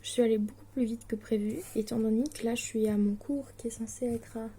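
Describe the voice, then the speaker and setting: A woman's voice: on the high side, little pitch movement, a little fast, warm tone, breathy edge. A young woman in her late teens, from Switzerland, chatting casually to the camera about her studies, hesitant and full of fillers, anxious and self-deprecating. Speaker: distance-learning student vlogger.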